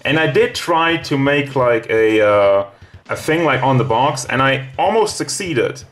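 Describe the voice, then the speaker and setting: A man's voice: medium pitch, lively intonation, measured pace, fairly bright tone. Rambling casual male toy reviewer. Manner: rambling, casual, self-correcting. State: hot, sweaty and out of breath.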